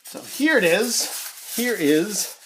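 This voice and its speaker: A Canadian vlogger's mid-range voice, animated, slow and fairly bright, carries a casual unboxing chat full of rambling, hesitant thinking aloud. Recorded on an amateur home microphone, the YouTube clip has slight background noise.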